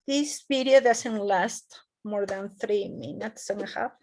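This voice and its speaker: A woman's voice: mid-range voice, measured pace, a little mellow. A woman teaching an online class, speaking hesitantly with many fillers and restarts.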